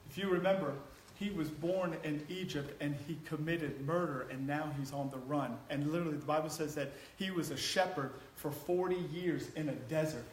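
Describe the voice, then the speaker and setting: A man with a high voice preaches in a loose, chatty way, asking the crowd questions and joking. His delivery climbs into fervent exhortation. The sound is echoey, with faint room noise behind him. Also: moderate pace, few pauses. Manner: conversational, rising to passionate exhortation. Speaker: pastor. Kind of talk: sermon. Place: church sanctuary. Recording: echoey church hall.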